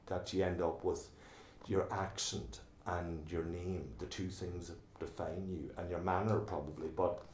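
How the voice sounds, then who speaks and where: Middle-aged Donegal Irish man, low voice, earnest interviewee in an echoey room with faint hum. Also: fairly even intonation, measured pace, few pauses, darkish tone. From Ireland. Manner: talkative, restarts sentences, earnest. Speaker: oral history interviewee. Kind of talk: recorded oral history interview.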